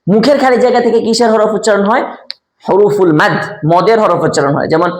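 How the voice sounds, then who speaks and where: A man teaching a step-by-step lesson, repeating key answers slowly, asking quiz questions aloud and demonstrating sounds himself. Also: sits high, roomy sound. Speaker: Quran recitation teacher.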